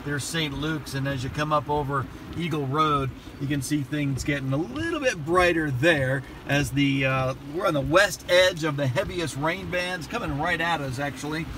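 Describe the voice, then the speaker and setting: Higher-pitched American man, noisy storm weather vlog. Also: normal speed. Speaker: meteorologist. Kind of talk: casual storm-chasing weather commentary. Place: in a car, then outdoors by a wet roadside. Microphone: handheld phone at arm's length. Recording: noisy phone video with traffic and outdoor noise.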